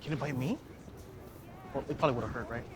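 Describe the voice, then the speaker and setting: A young man playing an excited, rambling teen boy who keeps second-guessing himself, in a film clip. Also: medium pitch, fast talker, close to an everyday voice. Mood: eager. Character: eager talkative teen boy best friend. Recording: film clip with loud street noise.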